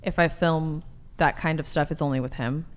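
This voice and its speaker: A woman in her twenties, a podcast guest speaking candidly and openly about her life in a relaxed way. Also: low voice, normal speed. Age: 20s. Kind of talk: casual chat.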